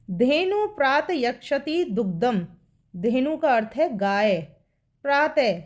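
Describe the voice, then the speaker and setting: Slow, high-voiced woman teaching children. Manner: patient, line by line, repeating meanings. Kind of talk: explaining a Sanskrit poem to children.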